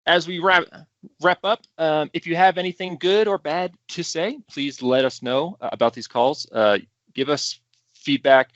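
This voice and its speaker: A man's voice: fairly high pitch, measured pace, a bit bright, no room sound. Brief: friendly male host closing a video call, lo-fi sound. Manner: upbeat, chatty, with fillers. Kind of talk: wrapping up a live community call. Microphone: video call mic. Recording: dull, dry video-call audio.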